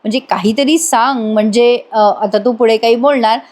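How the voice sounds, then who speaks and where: Woman putting on an eager young suitor, fumbling, hesitant, high-pitched. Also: moderate pace, a little mellow, close to an everyday voice. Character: eager young man proposing marriage.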